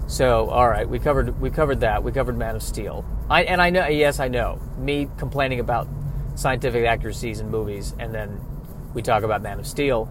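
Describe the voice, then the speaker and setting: A man hosting a podcast, riffing comically on movies in an animated, rambling way. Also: medium pitch, brisk, noisy background. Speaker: podcast host. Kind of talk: comedic movie riff.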